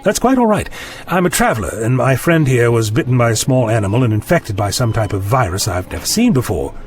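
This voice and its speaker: An actor playing an eccentric, observant and courteous time-travelling doctor in an audio drama, with a theatrical, polite way of explaining. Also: male voice, mid-range voice, very animated, fairly quick, natural voice. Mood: eager, courteous.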